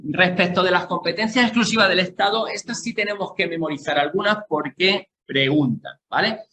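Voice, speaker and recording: A teacher from Castilla-La Mancha, Spain, gives an exam-prep lecture in a high, pushed, bright voice. He explains things while checking in with the class, slowing down to stress key points.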